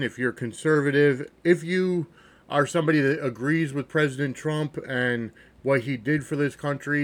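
An American man hosting a podcast solo, giving an opinionated monologue in an emphatic, halting, self-correcting way. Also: medium pitch. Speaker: podcast host.

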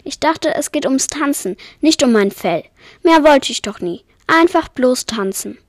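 A woman's voice: high-pitched, moderate pace, no room sound, studio quality. A woman voicing a shy, furry female yeti ballerina who pleads anxiously, in a storybook reading. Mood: tearful.

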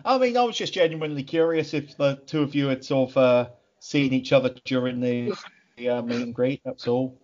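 A man's voice: medium pitch, fairly quick, darkish tone, lo-fi sound. A British man hosting a podcast, asking loose, hesitant questions full of asides. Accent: British English. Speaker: podcast host. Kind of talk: casual chat.

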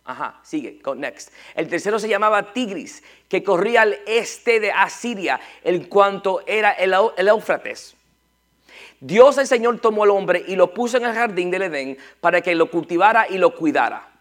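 A man preaching a sermon. He is animated, repeats words and asks rhetorical questions. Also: high-pitched, normal speed.

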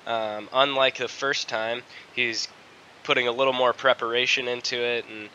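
Male podcast co-host, stuffy nasal cold voice, bright tone, flat delivery, relaxed chat. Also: mid-range voice, normal speed, highs cut off, slight background noise. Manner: relaxed, filler-heavy delivery. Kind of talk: casual sports podcast chat.

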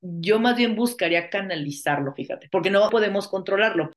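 A woman's voice: medium pitch, lively intonation, brisk. A woman with a Mexican Spanish accent, co-hosting a casual podcast and offering reflective advice. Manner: reflective, advising tone. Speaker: podcast co-host.

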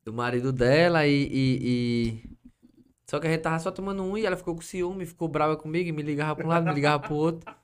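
A man's voice: a little high, fast, slight background noise. A young man with a Brazilian Portuguese accent, a podcast guest telling a long story in casual chat, rambling and tagging his phrases with little asides. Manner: rambling and lively, tags phrases with "né?" and "pô".

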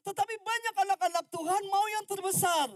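A woman's voice: extremely high pitch, a little fast, dry recording, studio quality. A woman preaching a casual youth sermon, chatty, with frequent tag questions and slang, acting out quoted lines. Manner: acts out quoted lines with shifting voice.

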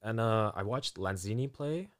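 A man in casual chat, telling a story with animated delivery, acting out quotes and laughing often. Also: on the low side, moderate pace.

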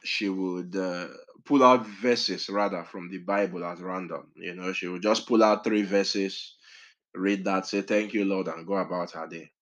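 Male Bible teacher, low voice, chatty and digressive delivery. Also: fairly even intonation, measured pace, a bit bright, dull audio. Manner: conversational, self-correcting, digressive.

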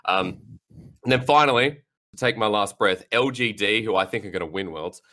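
This esports analyst has a low, deep voice with a bright, forceful bite, speaking at a moderate pace in casual panel talk. His long takes wander, stuffed with fillers and false starts, and he says sorry for going on a rant.

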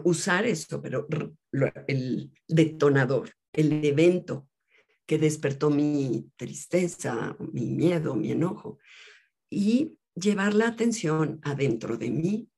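Slow, gravelly-voiced woman therapist. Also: low-pitched, a little mellow. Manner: measured, teaching tone. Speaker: therapist, guest. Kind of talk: calm explanatory interview talk.

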